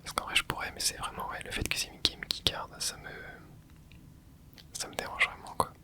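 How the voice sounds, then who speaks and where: Speaking fairly quickly in a pushed, bright voice, this gaming channel host whispers laid-back gameplay commentary. It rambles along as a think-aloud stream, hesitant and packed with fillers.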